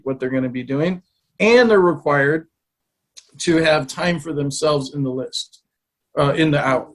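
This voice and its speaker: A man in his forties explains his advice as an interview guest, his voice sitting a little high. He rushes some phrases and drags out others, with plenty of energy. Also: poor audio. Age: 40s. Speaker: business mentor.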